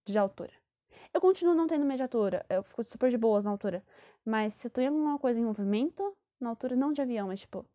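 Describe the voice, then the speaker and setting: A woman's voice: on the high side, mellow. Chatty young Brazilian woman, lo-fi. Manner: chatty, rambling, self-correcting. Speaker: podcaster telling a personal story. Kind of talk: casual storytelling. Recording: dull lo-fi sound.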